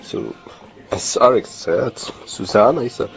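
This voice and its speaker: Polish-accented man, podcast host, teasing and halting, mid-pitched voice. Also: creaky, dull audio. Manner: teasing, halting, restarts a lot. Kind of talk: casual chat.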